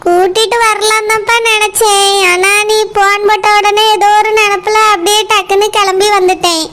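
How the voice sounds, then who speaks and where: A woman's voice: extremely high pitch, little pitch movement, normal speed, fairly bright tone. A woman voicing a caring elder sister with a Tirunelveli Tamil accent, in a cartoon.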